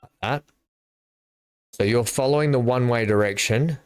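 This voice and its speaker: A man's voice: medium pitch, normal speed, smooth, dry recording. A middle-aged man, chatting and thinking aloud while he streams a building game live. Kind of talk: live gameplay commentary.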